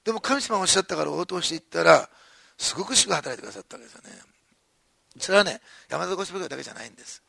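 A man's voice: on the high side, expressive, racing, gravelly, sharp tone, slightly rough, no echo, clean studio sound. A man preaching a sermon in a conversational storytelling way, with chuckling asides. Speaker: pastor.

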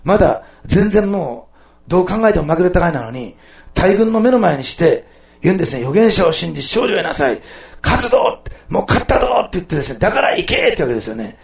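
A man preaching a sermon, switching between loud exclamations and soft, quiet asides. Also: on the high side, big pitch swings, fast talker, vocal fry. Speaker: pastor. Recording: echoey room.

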